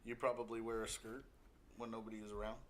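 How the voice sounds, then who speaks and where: A man's voice: on the low side, completely flat delivery, quick pace, noisy background. A man hosting a podcast, ribbing and mocking his co-host in casual teasing chat and laughing a lot. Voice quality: winded smoker.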